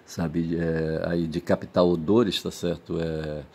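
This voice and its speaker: A man's voice: sits low, flat delivery, takes it slowly, vocal fry, a little mellow. Rambling, swearing man at home. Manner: digressive, crude swearing, frequent "tá certo?" and "sabe?" tags, laughs at own jokes. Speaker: video commentator. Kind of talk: rambling casual monologue.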